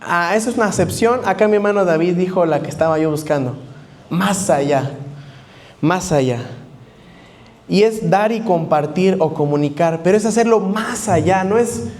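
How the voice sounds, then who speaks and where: A man with a high voice preaching a sermon. He explains word meanings slowly, like a teacher, and keeps turning to his listeners with direct questions. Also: darkish tone. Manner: teaching, asks the congregation questions and spells out Greek terms.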